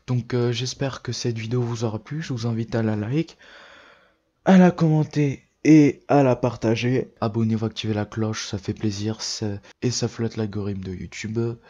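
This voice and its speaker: A man's voice: on the low side, level tone, a little fast, few pauses, a little mellow, highs cut off. A tired man giving a casual, hesitant computer tutorial, full of fillers and self-corrections. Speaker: tech tutorial youtuber. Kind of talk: casual screen-recorded tutorial.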